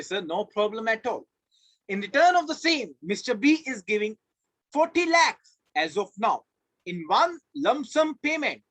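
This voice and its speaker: A man's voice: very high-pitched, pushed and bright, husky, no room sound. A man with an Indian accent teaching a live online class, emphatic and repeating key phrases. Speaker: law teacher. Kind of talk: live online lecture to students.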